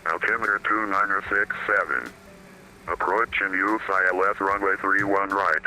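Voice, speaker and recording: Deep-voiced automated airport weather broadcast, man. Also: normal speed, poor audio. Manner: flat, clipped reading of weather codes. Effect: automated airport weather broadcast over the radio. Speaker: recorded airport information service.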